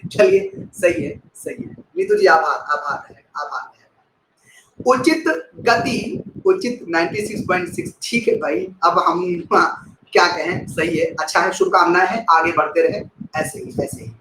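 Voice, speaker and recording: A man teaching a live online class, explaining with expressive emphasis, repeating key phrases and thanking viewers by name as he reads the chat. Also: high voice, a little slow, roomy sound, background noise.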